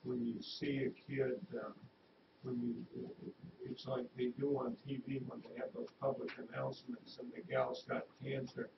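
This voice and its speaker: A man with a gravelly voice questions presenters at a school board meeting, stopping often on uhs and restarts. He is heard from a distance in an echoey room, and the sound is dull and noisy. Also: mid-range voice, little pitch movement. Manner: halting, many uhs and restarts.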